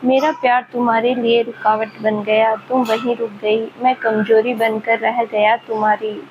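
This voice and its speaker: A heartbroken young man speaks in earnest, grave tones, turning his blame on himself, as a woman storyteller reads him. The voice stays fairly high and hushed, with a faint hiss behind it. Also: flat delivery, unhurried, muffled recording, natural voice. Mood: anguished. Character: serious young man, hurt and self-blaming. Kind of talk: storybook dialogue reading.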